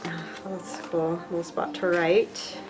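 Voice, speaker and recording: A woman crafter chats through an unboxing in a slightly low voice. She gushes warmly over each item and thinks out loud as she works with her hands. Her talk is loose and casual, dotted with fillers. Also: level tone, unhurried, over music, low-quality recording. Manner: chatty and gushing, with many fillers; thinks aloud while handling craft supplies. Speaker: craft vlogger.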